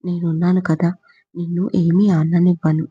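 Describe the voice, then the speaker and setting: A woman's voice: lowish voice, little pitch movement, normal speed, warm tone, husky. A woman voicing a protective middle-aged father who is firm with his wife and soothing to his daughter, in a storybook reading. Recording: muffled lo-fi recording.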